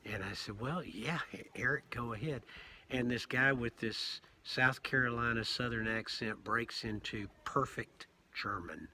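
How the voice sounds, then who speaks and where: A man's voice: medium pitch, normal speed, sharp tone, slight background noise. A middle-aged man recording a casual spoken diary of his pilgrimage, talking reflectively with many fillers and restarts. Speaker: pilgrim vlogger.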